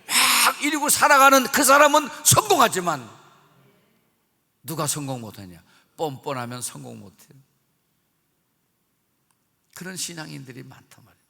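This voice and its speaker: A man's voice: fairly high pitch, animated, normal speed, creaky, long pauses, sharp tone. A pastor preaching a revival sermon. He is emphatic and repeats himself, putting questions to the congregation. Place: church sanctuary. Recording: reverberant church sanctuary.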